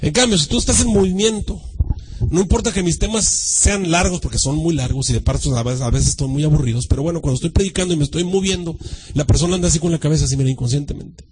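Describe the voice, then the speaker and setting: A male pastor preaching a sermon, dramatic, swinging from shouts to a hushed voice and mimicking churchgoers. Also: on the high side, fast, a little hiss or hum, low-quality recording.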